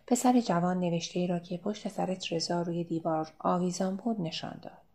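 A woman narrating a novel in a measured, even reading. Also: lowish voice. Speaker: audiobook narrator. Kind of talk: scripted narration.

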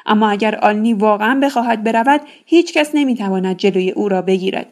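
A woman's voice: mid-range voice, natural voice. A woman reading a novel aloud, voicing a desert tribesman who questions a weary boy. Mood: brooding.

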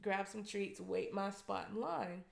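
A woman co-hosting a casual chat, telling stories in a profane, animated way and laughing as she goes. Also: mid-range voice, a little slow, gravelly. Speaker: podcast co-host. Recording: echoey room.

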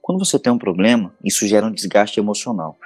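A man with a Brazilian accent talks casually as a podcast guest, slipping into acted-out scenes while he explains. His voice is slightly husky, with faint music in the background. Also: lowish voice, quick pace. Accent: Brazilian Portuguese. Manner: animated storyteller acting out scenes. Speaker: podcast guest, intimate audio creator.

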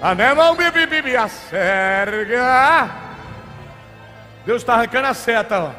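High-voiced preacher shouting in tongues. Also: male voice. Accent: Brazilian Portuguese. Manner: alternates hushed rapid speech with shouted commands and bursts of tongues. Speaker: pastor. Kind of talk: charismatic deliverance preaching with speaking in tongues. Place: church service. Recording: reverberant hall with faint background music.

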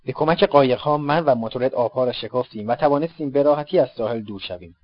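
A man narrating an audiobook in a steady, even reading voice. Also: mid-range voice. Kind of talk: scripted narration. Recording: dull lo-fi dry recording.

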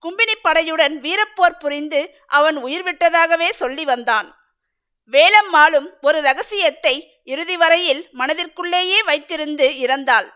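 Storybook narrator: woman, bright and sharp tone, dramatic measured reading. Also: extremely high pitch.

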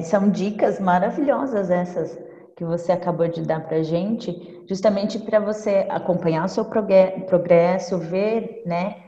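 A woman's voice: lowish voice, mellow. A woman host, affirming her guest's points and adding her own thoughts in a casual, searching way. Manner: affirming, thinks aloud with many fillers and restarts. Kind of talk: casual interview chat. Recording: dull, echoey, long-reverb room sound.

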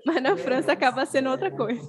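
A chatty woman hosting a podcast in a slightly high voice. A clear crowd murmur runs behind her as she asks questions. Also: fast talker. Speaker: podcast host. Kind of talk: casual podcast chat.

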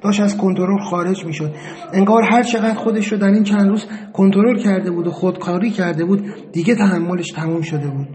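A man narrating a first-person story in a steady, reflective way. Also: high-pitched.

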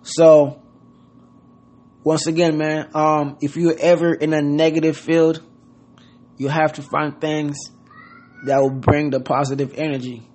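A podcast host from Haiti gives an earnest, casual motivational monologue, loosely worded and laced with "you know what I mean." He speaks at a measured pace with long pauses, in a slightly high, darkish voice with little pitch movement.

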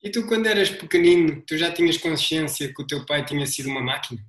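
A man's voice: fairly high pitch, expressive, quick pace, a bit bright, roomy sound. A man with a European Portuguese accent hosting an interview, asking questions in a teasing, joking way. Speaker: podcast host. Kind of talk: casual interview chat.

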